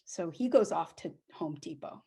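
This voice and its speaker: A middle-aged woman telling a personal story aloud, lively, acting out the other people in it. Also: low voice, moderate pace, vocal fry, husky. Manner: animated, acts out the voices of people in her story.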